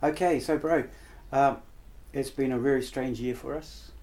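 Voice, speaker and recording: Mellow, halting New radio host. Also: male voice, mid-range voice, steady tone. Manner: halting, with pauses between short phrases. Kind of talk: casual radio hosting.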